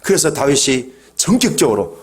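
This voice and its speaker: His voice a little high and his pace moderate, a middle-aged pastor preaches on Sunday, leading the congregation in call-and-response. He builds from quiet, calm talk to loud and impassioned cries.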